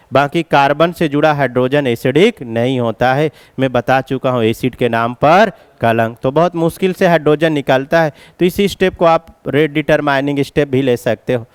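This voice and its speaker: A man lectures on chemistry, walking his students through each step of a reaction and coaxing them to keep up. His voice sits fairly high for a man and comes through smooth and crisp. The sound is dry and close, with little room around it. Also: no echo. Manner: explains step by step, addresses students as children. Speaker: chemistry teacher. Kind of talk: classroom lecture at a board.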